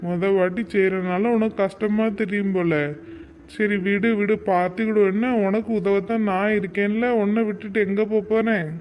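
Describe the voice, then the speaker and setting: A man's voice: high-pitched, flat delivery, normal speed, darkish tone, slight background noise, lightly acted. A man voicing a reassuring, caring husband in a cartoon, coaxing and chatty.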